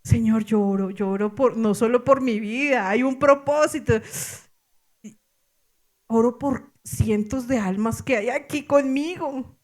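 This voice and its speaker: A middle-aged woman pastor with a Colombian accent, telling a story in a sermon, animated and laughing with exclamations. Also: fairly high pitch, measured pace.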